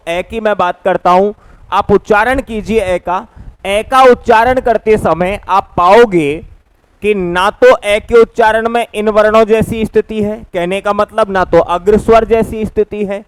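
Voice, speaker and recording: A man's voice: high-pitched, clear, resonant tone, dry recording. A man teaching a grammar lesson, asking rhetorical questions and answering them himself, and drawing out vowel sounds to demonstrate them. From Rajasthan, India. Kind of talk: classroom lecture.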